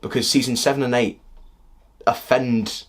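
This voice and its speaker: Young guy in his 20s, kinda husky, ranting at the camera about a show, fed up. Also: medium pitch, steady tone, normal speed. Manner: heated, exasperated ranting. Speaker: video critic. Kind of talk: casual critique monologue.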